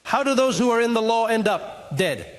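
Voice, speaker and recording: A man's voice: very high voice, big pitch swings, moderate pace. A man preaching a sermon at a church conference, emphatic and full of rhetorical questions.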